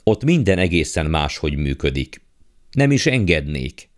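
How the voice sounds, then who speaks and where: A man's voice: rumbling low, very animated. A man voicing an earnest, worried young boy in an audiobook, speaking plainly and hesitantly. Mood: insistent. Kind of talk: audiobook character voice.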